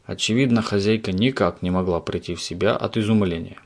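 A man reading a children's story aloud in a lively storytelling manner. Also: lowish voice, brisk. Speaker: narrator.

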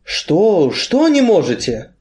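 A man voicing a timid, frightened young man who pleads in a high, quavering voice. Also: huge pitch swings, slow, darkish tone, heavily acted. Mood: fearful.

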